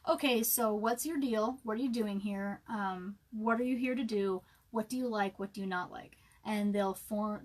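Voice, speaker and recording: Woman, 30s, author doing a live-stream chat; slightly higher voice, loose and rambling, self-deprecating. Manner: rambling, chatty, self-mocking, many fillers.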